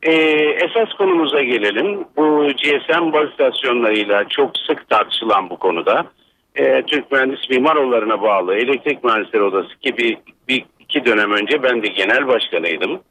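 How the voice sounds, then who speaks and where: A man from Bursa, an electrical engineer, calling a radio show over a landline phone and explaining in a measured, lecturing way with many hesitant fillers. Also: mid-range voice, expressive, sharp tone, slight background noise. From Bursa, Turkey. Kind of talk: explanatory call-in commentary. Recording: dull lo-fi phone line.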